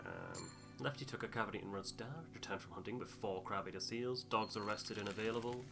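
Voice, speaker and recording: This male playthrough host has a fairly low, sing-song voice with vocal fry and a fairly quick delivery. He thinks aloud and reads on-screen text in casual commentary, with guitar game music in the background.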